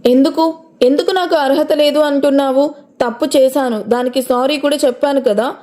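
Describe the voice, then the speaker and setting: Brief: woman reading a hot-tempered young father in a story, demanding and argumentative, slightly high and warm. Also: normal speed, close to an everyday voice. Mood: insistent. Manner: shouting, then pleading. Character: angry insistent young father, demanding man.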